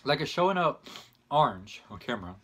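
A man hosts a casual eating vlog from an indoor filming setup. He talks briskly, with a bright, sharp edge to his voice. His greetings are upbeat, and his prayer is quiet and mumbled. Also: mid-range voice, very animated, husky. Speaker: mukbang vlogger.

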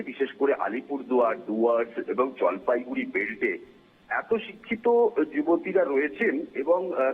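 A male reporter with a high, husky voice reports live over a tinny phone line. He explains the events in a measured way, pausing now and then with hesitant fillers. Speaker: field reporter.

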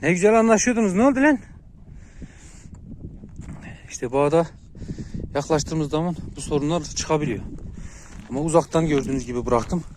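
A man casually narrating a vlog outdoors on a mountain walk, talking to his viewers about his dogs. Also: medium pitch. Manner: relaxed, chatty, addresses viewers directly. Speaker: dog owner showing his dogs. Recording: outdoor recording with clear background noise.

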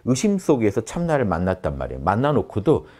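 Animated Korean meditation teacher, man. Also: lowish voice, quick pace. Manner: acts out the ego's inner voice in quoted asides; addresses listeners directly, animated. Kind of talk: spoken dharma lecture.

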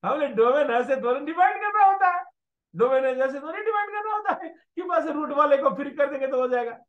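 A man teaching maths in an animated, storytelling way, at times raising his voice. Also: extremely high pitch, fairly quick, lo-fi sound. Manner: animated, storytelling, bursts of shouting. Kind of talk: animated classroom lesson with anecdotes.

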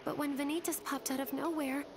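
A woman's voice: high voice, steady tone, a little fast, noisy background. A woman playing an easily scared, flustered teenage schoolgirl in an anime video game, dramatic and emphatic. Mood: subdued confession.

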